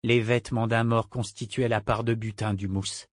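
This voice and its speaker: A man narrating an adventure audiobook in a measured, expressive reading. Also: medium pitch, no room sound, clean studio sound. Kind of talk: scripted narration.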